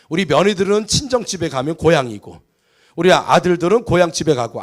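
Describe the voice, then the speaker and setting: A middle-aged male pastor preaching a Sunday sermon, animated and storytelling, lightening it with humorous anecdotes. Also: high-pitched. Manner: animated storytelling, mimics voices in jokes. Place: church sanctuary.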